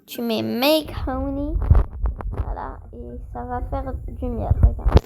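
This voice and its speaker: A woman talks through a game in a loose, chatty way. Her voice sits a little high and has a gravelly, creaky edge. Faint music plays behind her. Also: fairly even intonation, takes it slowly, warm tone, low-quality recording. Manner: chatty and rambling, full of fillers, drops in English words. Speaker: gaming video creator. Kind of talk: casual gameplay commentary.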